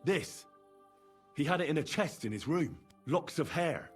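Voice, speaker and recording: Earnest, expressive male adventurer. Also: fairly high pitch, a little slow, faint music behind. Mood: earnest, reassuring. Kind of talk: naturalistic video game dialogue.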